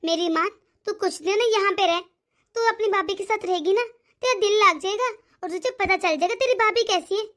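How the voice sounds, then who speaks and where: Brief: woman doing a fussing cartoon mother-in-law, older, soft and coaxing, very high pitch. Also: brisk. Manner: soft-spoken, worried, coaxing. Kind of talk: animated cartoon voice acting.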